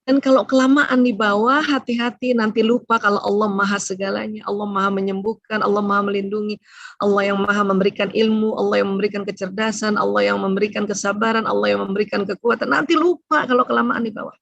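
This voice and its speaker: Animated woman giving a parenting talk. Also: medium pitch, quick pace, vocal fry, no echo, lo-fi sound. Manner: animated, acts out short parent-child exchanges. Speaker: parenting and emotions speaker. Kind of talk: seminar talk on family and emotions.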